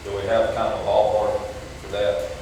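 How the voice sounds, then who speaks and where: A man's voice: lowish voice, completely flat delivery, a little fast. A man with an Appalachian accent speaking in a folksy, plainspoken way in an informal meeting discussion. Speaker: local board member at a public meeting. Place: large echoing indoor meeting room. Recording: echoey hall, distant mic, noisy.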